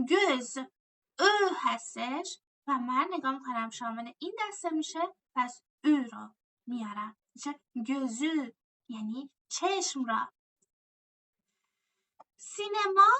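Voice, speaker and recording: Woman teacher, high and very bright, explaining grammar patiently, recorded a bit off-mic. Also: recorded from a distance. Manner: explains step by step, asks and answers her own questions. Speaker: language teacher.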